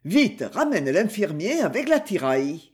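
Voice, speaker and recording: A man's voice: high voice, big pitch swings, unhurried, a little mellow. A man reading the lines of a blunt, grumbling army doctor in an audiobook. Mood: gruff. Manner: grumbling, curt.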